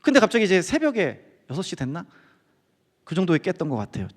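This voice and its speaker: Lively man telling his testimony in church. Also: high voice, quick pace. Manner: animated storytelling, acting out quoted friends. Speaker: guest speaker. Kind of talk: testimony sermon. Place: church sanctuary. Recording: long hall reverb.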